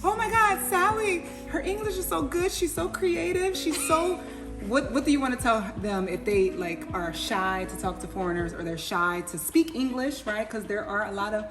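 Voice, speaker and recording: A slightly high-pitched woman hosts a casual chat in a restaurant. She is animated and quick to laugh, often turning to speak to her viewers. Music plays clearly behind her. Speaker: interviewer, vlogger.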